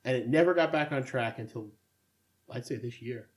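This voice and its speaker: A man's voice: mid-range voice, normal speed. A man co-hosting a casual podcast, rambling with sardonic asides. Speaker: podcast co-host. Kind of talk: casual chat.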